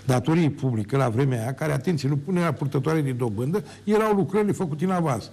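Older guy ranting on his own tv show, gravelly husky voice, keeps repeating stuff for emphasis. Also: a little high, lively intonation, a little mellow. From Romania. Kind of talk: heated televised monologue.

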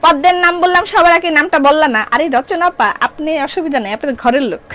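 A middle-aged Bangladeshi woman hosts a live sales stream, chattering quickly and playfully as she shows clothes and answers comments. Her voice sits high in its range. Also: fairly bright tone. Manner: fast, chatty, playful, reads comments aloud. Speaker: shop owner selling clothes on a live stream.

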